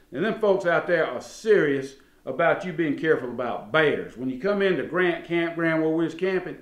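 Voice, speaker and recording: A middle-aged man with a Southern US accent telling funny family stories in a folksy, drawling way, talking straight to his listeners. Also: a little high. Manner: folksy, drawling, addresses the audience directly. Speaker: storyteller. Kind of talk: folksy comedic storytelling. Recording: roomy echo.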